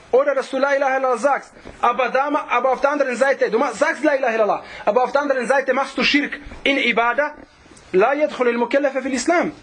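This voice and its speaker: Here a man leads a religious class, reciting Arabic quickly before going back over it repeatedly with rhetorical questions for his students. His voice sits at an extremely high pitch.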